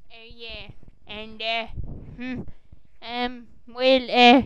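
A tipsy young man putting on a silly squeaky voice, blurting out goofy non sequiturs. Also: little pitch movement, very slow, fairly bright tone, highs cut off, slight background noise, full character voice.

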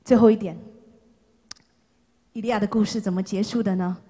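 A woman preacher giving an impassioned sermon to young people, repeating phrases for emphasis and swinging from loud calls to hushed words. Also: medium pitch, fairly even intonation, a little fast, slightly rough.

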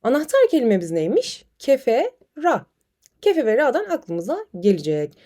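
A woman's voice: on the high side, normal speed. A woman teaching Quranic vocabulary in an online lesson, explaining memory tricks and reading short dialogues aloud. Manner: lively, addresses students as friends, reads dialogues aloud.

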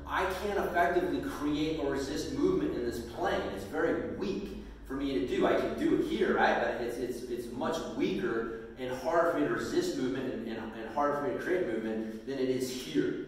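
A middle-aged man coaching on bike handling in a loose, demonstrative way, pausing on fillers as he goes. His voice sits at a mid pitch and rings around a very echoey, hard-surfaced home gym. He is picked up from a camera some distance away, with a long reverb tail. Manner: casual, demonstrative, frequent fillers. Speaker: mountain bike strength coach. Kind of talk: instructional video talk. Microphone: far camera. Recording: echoey room from far off.

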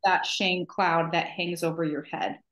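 A woman's voice: on the low side, steady tone, measured pace, a bit bright, echoey room. A woman in her thirties, a podcast co-host speaking earnestly and emphatically in casual conversation over a video call. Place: home office, video call.

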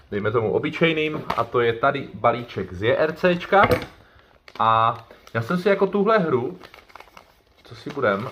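A man's voice: medium pitch, noisy background. A man chatting casually as he unboxes items for his vlog, rambling and correcting himself as he goes. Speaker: YouTuber doing an unboxing.

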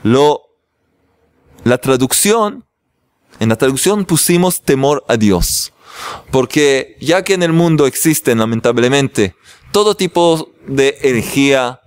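A man's voice: mid-range voice, lively intonation, takes it slowly, clear, resonant tone, no echo, clean studio sound. A man, a rabbi, teaching a religious class, joking with his audience and then explaining the text.

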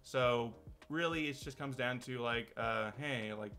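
Over soft background music, a man speaks a little slowly in a pushed, bright, medium-pitched voice. As host of his own channel, he gives rambling talk-to-camera commentary full of restarts.

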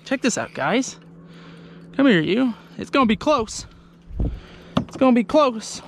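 Filmed on an action camera aboard a small boat on a lake, a young fishing vlogger chats casually outdoors and gets hyped quickly when fish bite. His voice is high-ish and gravelly, with slight background noise.

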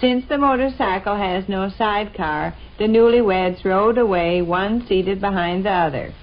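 A dull, noisy 1940s radio recording captures an American woman portraying a practical, teasing housewife and mother in a chatty, folksy comedy style. She uses a natural, mid-range voice at normal speed.

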